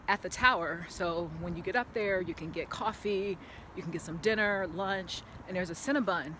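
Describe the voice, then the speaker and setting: Holding a camera as she climbs a park trail outdoors, a woman rambles through a casual, chatty vlog, saying "like" again and again. Her lowish, slightly bright voice comes with a bit of background noise.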